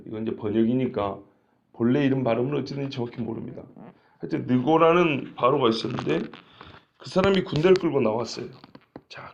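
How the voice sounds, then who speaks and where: A man's voice: mid-range voice, gravelly, darkish tone, dull audio. A male pastor giving an expository Bible sermon in a conversational way, often asking rhetorical questions.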